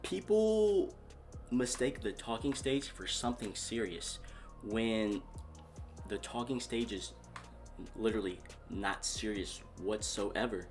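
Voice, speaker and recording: A man's voice: lowish voice, lively intonation, slow pace, soft background music. A man playing a boastful self-proclaimed relationship doctor in a comedy sketch, rambling and repeating himself. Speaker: comedic YouTube host in character.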